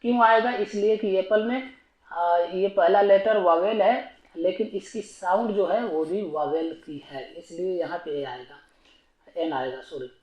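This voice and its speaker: A man's voice: sits high, a little slow, darkish tone, echoey room, rough recording. A man teaching an online grammar lesson, explaining patiently and repetitively and asking himself rhetorical questions.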